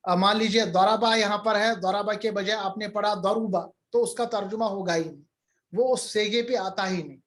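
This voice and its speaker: A man's voice: sits high, a bit bright. A male teacher giving an online grammar lecture, patiently repeating examples and answering student questions.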